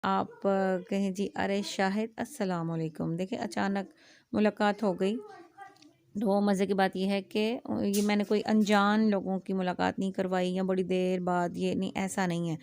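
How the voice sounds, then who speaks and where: Creaky-voiced woman teaching an Urdu lesson. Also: medium pitch, little pitch movement, darkish tone. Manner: explains slowly, spells words letter by letter; frequent "aa" fillers, asks "theek hai?". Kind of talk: classroom lecture.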